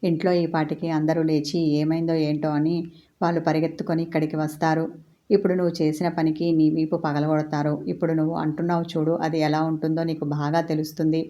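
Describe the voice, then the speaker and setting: A woman's voice: deep voice, flat delivery, fairly quick, mellow, close to an everyday voice. A woman reading a story, voicing a bitter young bride who scolds her husband sharply. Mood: scolding. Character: fiery young bride, bitter toward men. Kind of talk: storybook character voice.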